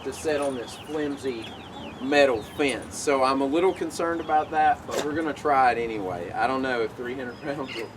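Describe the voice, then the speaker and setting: A man casually explaining a homemade chicken-watering project outdoors by a coop, relaxed and rambling with lots of fillers. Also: medium pitch, moderate pace. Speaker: homesteader showing a DIY build. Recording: outdoor noise, distant mic.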